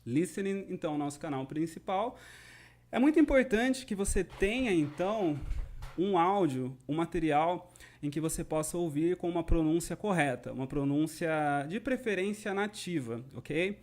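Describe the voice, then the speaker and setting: Brazilian man, English teacher on a live stream, voice a touch high, explains patiently, keeps checking in with viewers. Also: expressive, normal speed, darkish tone. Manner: explanatory, often checks in with the audience. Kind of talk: live-streamed lesson, answering viewer questions.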